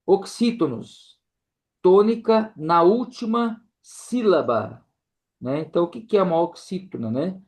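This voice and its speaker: A man's voice: sits high, lively intonation, unhurried, a little mellow. A man teaches a casual lesson to a church group, tagging nearly every phrase with "né?".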